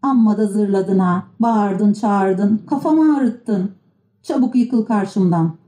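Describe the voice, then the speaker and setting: A woman voicing a big, gruff, stern male puppet-theatre owner in a storybook reading. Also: medium pitch, slow pace, warm tone, lightly acted.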